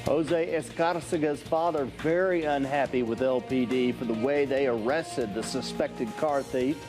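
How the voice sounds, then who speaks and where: A male news anchor reads the copy in a mid-range voice, formal and steady. Faint music plays underneath him. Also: mid-range voice, a little slow. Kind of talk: scripted news reading.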